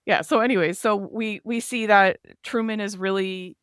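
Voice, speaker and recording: A woman's voice: mid-range voice, fairly even intonation, moderate pace, a bit bright, clear, resonant tone, dry recording, clean studio sound. A woman co-hosting a psychotherapy podcast, chatting casually and thoughtfully as she retells a film's plot at length.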